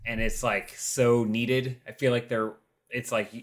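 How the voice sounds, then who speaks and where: A man's voice: medium pitch, flat delivery, a little slow. A man co-hosting a casual group chat about movies, rambling and enthusiastic with lots of filler words. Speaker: podcast co-host.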